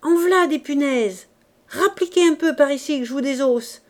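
A woman reading a novel aloud, voicing a delirious, terrified working-class drunk who shouts rough slang in a hoarse voice. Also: expressive, a little slow. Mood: raging. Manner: loud slangy outbursts, raised pitch. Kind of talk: audiobook character voice.

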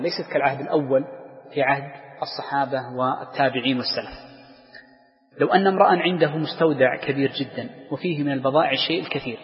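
A man teaching jurisprudence to a class, explaining step by step with worked examples and questions to his students. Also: on the high side. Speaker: sheikh teaching Islamic jurisprudence. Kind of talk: lecture to students. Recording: dull lo-fi recording with long hall reverb.

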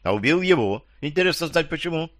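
A man's voice: fairly high pitch, expressive, fast, a bit bright, dry recording, voice pushed up. A fed-up male investigator, read by a male audiobook narrator speaks in his own plain voice. He talks curtly and dryly, sighing at the nonsense around him. The sound is close and dry. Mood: exasperated. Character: exasperated male investigator Starkov. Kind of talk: audiobook character voice.

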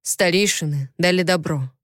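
A woman voicing a stubborn, forceful village man who speaks bluntly and shouts insistently. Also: fairly low pitch, normal speed, no echo, studio quality, lightly acted. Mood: flat.

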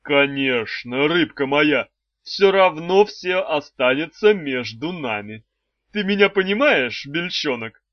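A man's voice: fairly high pitch, lively intonation, dry recording. A genteel old brain-eating shopkeeper, played by a male storyteller, drawing out his syrupy politeness in a slightly raised, wheezy voice. The audiobook sound is dry and somewhat dull. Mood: doting. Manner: slow, sugary, polite.

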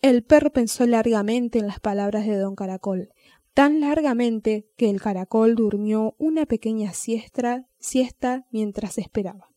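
A woman reading a children's story aloud with gentle, expressive storytelling. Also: on the high side, unhurried, no echo.

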